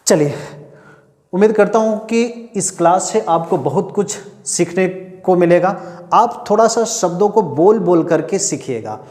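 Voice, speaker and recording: Slow, echoey male language teacher. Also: high voice, a little mellow. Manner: slow, repeats sounds and asks the class rhetorical questions. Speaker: spoken English teacher. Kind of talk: classroom lesson explaining pronunciation. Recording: echoey room with long reverb.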